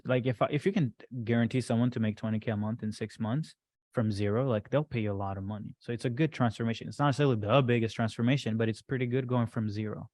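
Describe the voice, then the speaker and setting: A man's voice: mid-range voice, darkish tone, no room sound. A man in a middle register gives a loose, chatty workshop talk, full of fillers and "right?" asides. The sound is close and dry, with no room in it. He walks a group through material on a shared screen. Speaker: business coach presenting to a group.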